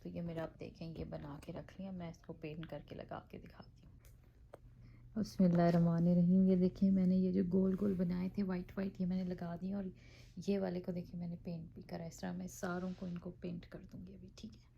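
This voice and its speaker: A woman's voice: on the low side, little pitch movement, fairly quick, creaky, highs cut off, a little hiss or hum. Chatty middle-aged woman vlogger. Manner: chatty, explains step by step, keeps saying "okay". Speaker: vlog host. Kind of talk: casual craft vlog tutorial.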